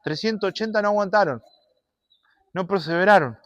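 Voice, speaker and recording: Animated preacher man. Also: sits high, normal speed, dry recording, highs cut off. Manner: animated storyteller, shifts between loud and soft. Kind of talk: sermon with storytelling.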